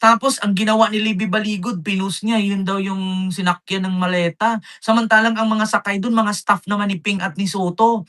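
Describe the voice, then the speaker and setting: A man's voice: sits high, steady tone, normal speed. A man doing live political commentary for his viewers, retelling an argument in combative back-and-forth quotes and speaking straight to his audience. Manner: addresses viewers directly, gives shoutouts. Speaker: political vlogger.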